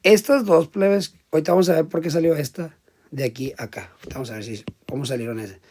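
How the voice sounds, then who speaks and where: This teacher's voice is medium-pitched, husky and expressive, and he talks rapid-fire. Lecturing a class, he goes step by step, checks in frequently, and swings from loud emphasis to soft asides.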